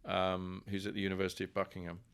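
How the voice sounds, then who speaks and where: With a low, clean, fairly bright voice and a completely flat, fast delivery, a middle-aged English professor chats as a podcast guest. He's from England and speaks wryly and discursively in the interview, repeating words mid-thought.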